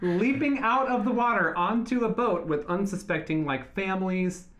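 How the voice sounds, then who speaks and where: A man's voice: sits high, normal speed, a bit bright, a little hiss or hum. Man eagerly sharing animal facts. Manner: enthusiastic, explains animal facts with jokes. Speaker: guest. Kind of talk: casual podcast chat.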